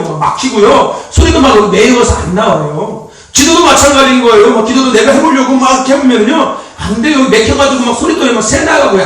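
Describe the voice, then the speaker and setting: High, lively-voiced male pastor in an echoey hall. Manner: animated and chatty, laughs often, prompts the congregation for amens. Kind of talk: informal sermon. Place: church sanctuary. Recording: echoey hall, distant mic, faint noise.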